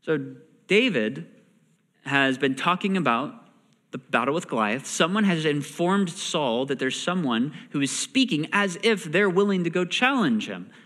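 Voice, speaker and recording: A man's voice: a little high, measured pace. A man preaching a sermon, reading scripture and explaining it in a conversational way, sometimes acting out the characters' lines. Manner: animated, acts out characters' lines. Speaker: pastor. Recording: long hall reverb.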